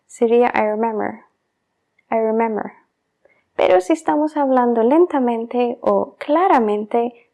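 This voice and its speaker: A woman's voice: fairly high pitch, gravelly, mellow. A woman whose first language is English, teaching a pronunciation lesson in a podcast and patiently repeating each example word. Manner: patient, explains then repeats example words slowly.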